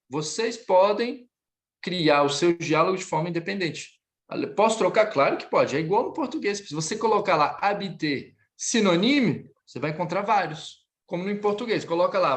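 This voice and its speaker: A man teaching French in a live online class, patiently explaining and checking in with students. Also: a little high. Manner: patient, repeats phrases slowly, often ends with "tá bom?".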